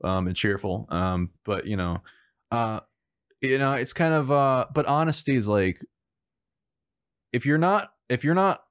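A man's voice: mid-range voice, animated, measured pace, long pauses, clear, resonant tone, dry recording, studio quality. A man hosting a casual podcast chat, talking frankly and correcting himself as he goes. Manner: rambling, self-correcting, frank.

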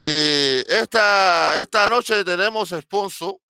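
A man's voice: high-pitched, takes it slowly, smooth, no room sound, clean studio sound. A man hosting a show, telling a folk tale with a moral and acting out the characters' voices. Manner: animated, acts out the characters' voices. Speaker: radio show host.

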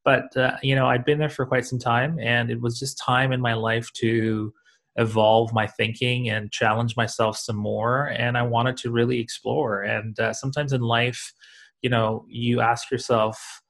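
A man's voice: mid-range voice, little pitch movement, measured pace, gravelly, a bit bright. A man from Tanzania talking about his career as an interview guest, reflective and full of fillers and restarts. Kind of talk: casual interview talk.

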